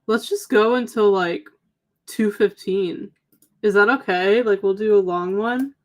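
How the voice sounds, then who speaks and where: Speaking at a measured pace in a mid-range voice, a young adult woman co-hosts a livestream and reads viewer comments. Her chat is casual and full of fillers like "um" and "like," and she sounds slightly tired, her voice wearing thin.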